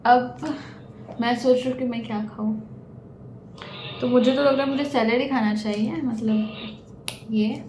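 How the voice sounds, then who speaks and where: A woman's voice: on the high side, fairly even intonation, unhurried, pauses often. Giggly young woman vlogging on the street. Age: young adult. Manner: chatty, giggly storytelling. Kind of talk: casual vlog chat. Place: outdoors on city streets and in an office. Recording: noisy street with traffic. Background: traffic and street noise.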